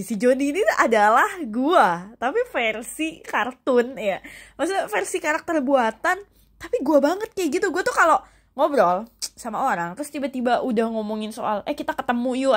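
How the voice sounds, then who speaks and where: Lively, excitable young woman gamer. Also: high voice, moderate pace. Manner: chatty, excitable, talks straight to viewers. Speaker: gaming video host. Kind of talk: let's-play commentary.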